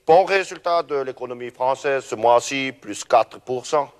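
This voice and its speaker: A man's voice: mid-range voice, unhurried, in a large hall, lightly acted. An actor playing a mock-serious male regional newsreader in a comedy sketch, with an exaggerated Alsatian accent. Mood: jokey. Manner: mock-serious, laughing at his own jokes.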